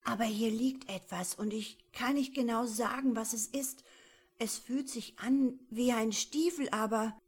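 A woman voicing a frightened young boy who speaks in a hushed, halting way. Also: fairly high pitch, husky, voice pushed up. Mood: uneasy.

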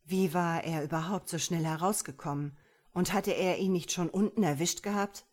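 A woman narrates a tense adventure story in steady, measured scripted narration. Her voice sits on the low side. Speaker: audiobook narrator.

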